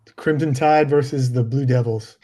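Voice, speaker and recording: A man co-hosting a live paranormal stream, offhand and low-key, calling out names for the spirits. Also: fairly even intonation, normal speed, dark tone. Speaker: co-host.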